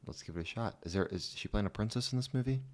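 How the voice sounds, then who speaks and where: A man's voice: on the low side, fast, darkish tone. A man co-hosting a podcast in casual chat, blunt and teasing, swearing freely. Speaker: podcast co-host.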